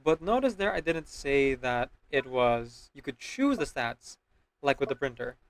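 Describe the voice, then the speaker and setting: A man with a mid-range, sing-song voice rambles casually through gaming stream commentary, taking his time and often checking in with "right?" as he explains. He's a video game livestreamer, recorded dry with background music playing.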